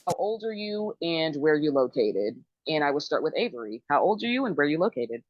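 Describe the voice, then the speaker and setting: Low-voiced upbeat woman host. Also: big pitch swings, dry recording, muffled recording, soft background music. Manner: brisk, upbeat roll-call. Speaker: dating show host. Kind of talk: hosting a group call.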